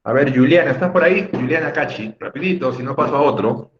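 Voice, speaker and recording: Patient male teacher, lively pitch, muffled call audio. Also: quick pace, slight background noise. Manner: patient, drawing out words to stress syllables; coaxing students by name, teasing lightly. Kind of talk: online class instruction. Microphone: computer mic on a video call.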